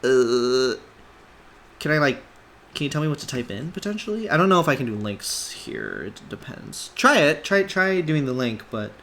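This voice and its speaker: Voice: medium pitch, sing-song, moderate pace, a bit bright, a little hiss or hum. A streamer giving a casual live breakdown of a song's melody, humming phrases on nonsense syllables and talking through ideas loosely. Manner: loose, conversational, thinking aloud with fillers; reads and answers viewer requests. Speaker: music analysis streamer.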